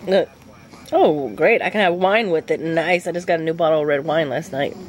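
A woman vlogging at home, excitedly unboxing and tasting sweets in casual chat. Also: deep voice, normal speed, low-quality recording. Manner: excitable, gushing, talks to her dog. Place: at home with her dog.

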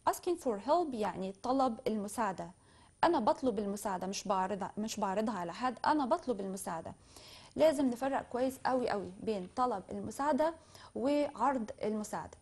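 A woman with an Egyptian Arabic accent teaches English vocabulary in a classroom lesson. She models the English phrases slowly and carefully, then explains them more quickly, in a voice that is on the high side and slightly rough.

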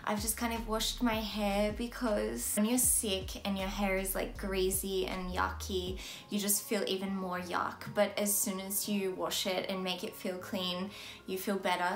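A woman's voice: medium pitch, flat delivery, measured pace. Young woman chatting to camera. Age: 20s. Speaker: vlogger. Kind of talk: casual vlog talk to camera.

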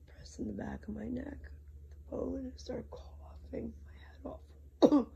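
A woman talking personally to listeners, losing her voice from laryngitis with a cough, hoarse and breathy, often slipping into a whisper, halting as she goes. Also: on the high side, mellow.

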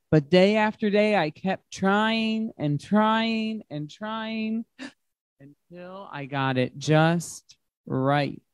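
In a large glass-walled library room, a man reads a picture book to children as a guest reader. He's expressive, with simple, emphatic phrasing and a high-sitting voice. No echo is heard.

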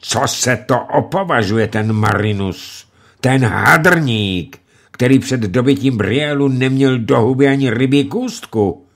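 A man's voice: medium pitch, voice pushed up, close to an everyday voice. A man voicing a furious, blustering nobleman lord who bellows threats. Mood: raging.

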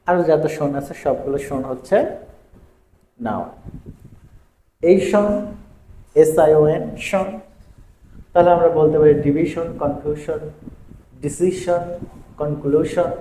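Guy teaching english vocab, kinda high mellow voice, echoey room w/ a little hum behind. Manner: drills word lists in a steady, repetitive rhythm. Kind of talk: video grammar lesson. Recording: echoey room with faint ambient noise.

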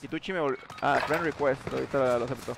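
A man's voice: mid-range voice, quick pace, creaky, very noisy. A man with a Mexican accent, live-streaming a game in a casual, slangy, chummy way, thanking viewers by name. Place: home gaming setup. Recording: loud in-game gunfire behind voice.

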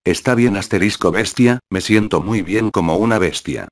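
A man reading the lines of a smug, shameless young man in an even, low voice. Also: moderate pace, no echo, lightly acted.

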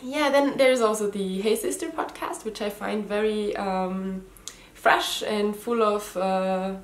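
A woman with a mid-range voice speaks slowly in a steady tone. In her thirties and a native German speaker with a slight Austrian German accent, she's hosting her first knitting video podcast casually to camera from her living room, hesitant and full of ums and restarts. A camera mic captures her head and shoulders in an echoey room.

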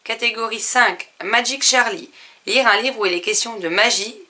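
A woman book vlogger chatting through a reading challenge list, pausing with fillers and correcting herself as she goes. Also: a little high, sharp tone. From France. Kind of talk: casual book challenge presentation.

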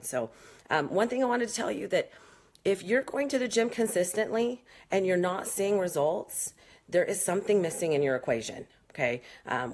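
Holding her phone camera at arm's length in a small room, a woman in her thirties, a fitness trainer, runs a casual live Q&A. She speaks frankly and chattily with many fillers, in a deep, husky voice.

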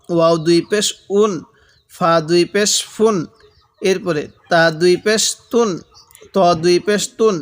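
A man teaching Quran reading, drilling letter sounds slowly and asking listeners to repeat after him. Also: high voice. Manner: drills letters aloud with repetition, asks viewers to repeat. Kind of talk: slow step-by-step recitation lesson.

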